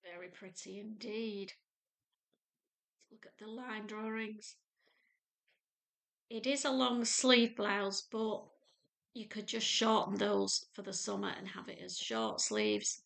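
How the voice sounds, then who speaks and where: This animated, gravelly voice belongs to an English sewing vlogger in her fifties with a North Lancashire accent, speaking at medium pitch with a fairly bright tone. Homely, chatty and unhurried, she talks casually to her webcam from her sewing room at home and walks through her screen.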